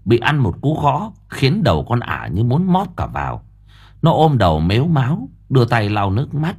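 A man narrating an audiobook story in a dramatic, expressive storytelling manner. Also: medium pitch, moderate pace, husky.

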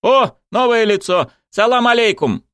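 A fussy, pompous police sergeant, overly polite and long-winded, in a high, lively put-on voice, as a male narrator plays him in an audiobook. The recording is dry and close. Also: unhurried, smooth, no echo, heavily acted. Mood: officious. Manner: wordy, officious, pompous.

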